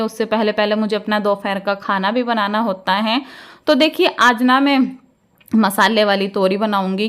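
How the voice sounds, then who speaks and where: A woman's voice: medium pitch, clear, resonant tone. A woman from India in her thirties, chatting casually to viewers in a home vlog, sprinkling her talk with little fillers. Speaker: home vlogger.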